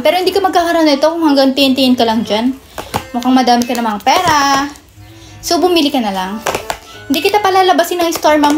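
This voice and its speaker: Chatty woman as a gossipy cashier. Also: high voice. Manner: chatty, nosy, bossy cashier banter to unseen customers. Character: nosy, bossy, gossipy female store cashier. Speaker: comedic skit creator playing a cashier. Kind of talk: comedic one-woman skit.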